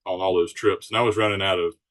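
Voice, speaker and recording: A man's voice: sits low, fairly even intonation, quick pace, a bit bright. A man chatting casually as a guest, explaining things in an informal, easygoing way. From Alabama Gulf Coast, United States. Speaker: podcast guest, charter sailboat captain.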